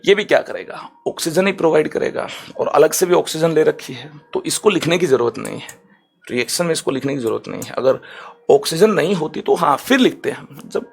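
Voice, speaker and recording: A man teaching chemistry in an online lecture, lively and chatty, slowing down for careful English definitions and often checking in with his students. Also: fairly high pitch, gravelly, breathy edge.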